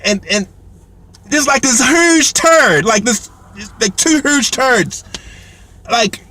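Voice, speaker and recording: Brief: man, high voice, animated comic storyteller, lots of fillers and restarts. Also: takes it slowly, a little hiss or hum. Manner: heavy fillers and repeated words; animated, laughs between lines. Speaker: comedian telling a story.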